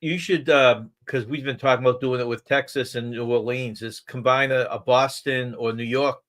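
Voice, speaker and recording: A man co-hosts a relaxed live-stream chat in an easygoing way, chiming in with short replies and agreement. His voice sits at an ordinary middle pitch. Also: moderate pace. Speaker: co-host.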